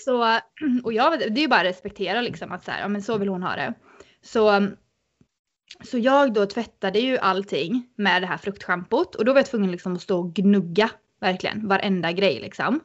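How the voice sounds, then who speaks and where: A woman guest on a podcast, telling a story in an animated, casual way with many fillers. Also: mid-range voice, lo-fi sound.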